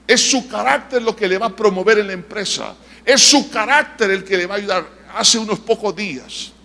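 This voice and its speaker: Bright-voiced pastor preaching in an echoey hall. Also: male voice, on the high side. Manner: preaching with rhetorical questions to the congregation; acts out short quoted voices in anecdotes. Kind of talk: sermon. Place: church sanctuary.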